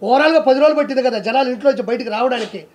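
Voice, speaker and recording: A man with a very high-pitched voice rants about politics in a sarcastic, scolding tone. He fires off rhetorical questions one after another and mocks his target as he goes. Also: racing, darkish tone. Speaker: comedian giving political commentary. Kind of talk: heated political rant.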